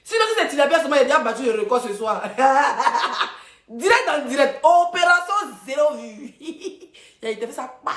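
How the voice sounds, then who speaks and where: A woman's voice: sits high, expressive, normal speed, a bit bright, roomy sound. A woman hosting a live stream, taunting and chanting insults with laughter. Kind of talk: mocking live-stream rant. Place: room, phone on live stream. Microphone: phone.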